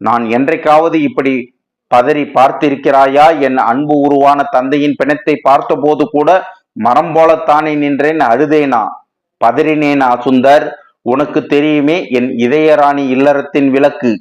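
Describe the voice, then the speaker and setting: A man's voice: fairly high pitch, steady tone, a little slow, close to an everyday voice. A man reading as a grief-stricken writer. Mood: lamenting. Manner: lamenting, dramatic and wordy. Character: anguished male writer, grief-stricken and impassioned. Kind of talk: storybook reading.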